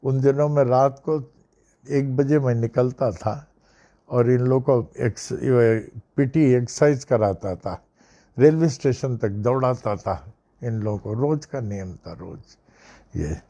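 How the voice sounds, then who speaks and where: An older man giving a devotional discourse, telling a story slowly with repeated phrases and bits of English. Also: mid-range voice, warm tone. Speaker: spiritual teacher.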